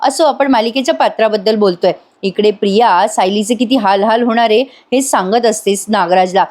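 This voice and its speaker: Speaking at a moderate pace in a mid-range, darkish voice, a woman reviews a TV serial in a chatty voice-over recap. She addresses her viewers directly throughout.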